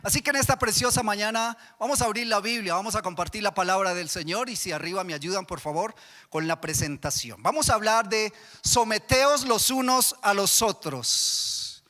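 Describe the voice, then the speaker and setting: This pastor, whose accent is Colombian, preaches at normal speed with a high voice, lively intonation and a bright, forceful tone. Over and over, he asks the congregation questions, his words echoing with church hall reverb.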